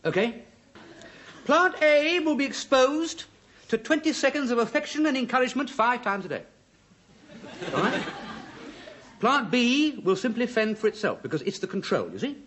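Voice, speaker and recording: A pompous amateur scientist husband. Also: male voice, very high voice, very animated, moderate pace, long pauses, a bit bright, a little hiss or hum, exaggerated voice. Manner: pompous, lecturing, then sneering insults at a plant. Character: fussy amateur scientist husband, self-important. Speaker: actor in a sitcom clip. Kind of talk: 1980s sitcom acting.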